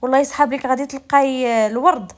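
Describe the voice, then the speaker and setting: A woman's voice: high-pitched, fairly even intonation, quick pace, natural voice. A woman voicing a spiteful young woman who taunts her brother's wife, in a Moroccan accent. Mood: taunting.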